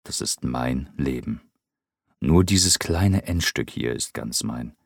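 A man's voice: sits low, slow pace, vocal fry, husky, dry recording, clean studio sound, pitched above the performer's own voice, full character voice. A man doing a weary, bitter lord. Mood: resigned. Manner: curt, flat, resigned retorts. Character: weary, bitter aristocratic man, tired of life. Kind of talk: audiobook reading.

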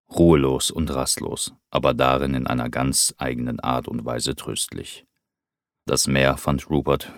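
A man reading an audiobook with measured, somber narration. His voice is extremely deep, with a gravelly creak running through it. The recording is dry and close, with no room around it. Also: dry recording.

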